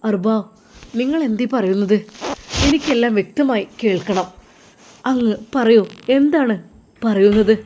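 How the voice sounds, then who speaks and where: A woman's voice: fairly high pitch, measured pace, long pauses, dark tone, slight background noise, natural voice. A woman voicing an earnest young man, talking in a pleading, heartfelt way.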